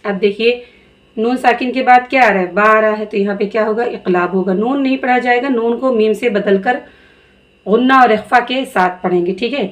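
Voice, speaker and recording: A woman teaching Quran reading, spelling out letters slowly and patiently before blending them into words. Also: fairly high pitch. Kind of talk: slow spelled-out recitation lesson.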